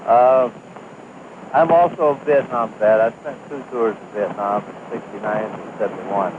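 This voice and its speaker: Man, 50s, over a landline phone, radio call-in caller, halting with lots of hesitations, thin phone-line sound. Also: on the low side. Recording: tinny noisy phone line.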